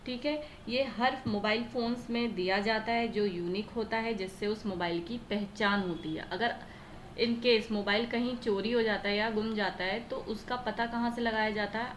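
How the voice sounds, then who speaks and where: An Indian woman who teaches computers explains a lesson step by step in Hindi mixed with English terms, often asking and then answering her own questions. Her voice is a little high, and the echoey room has faint background noise.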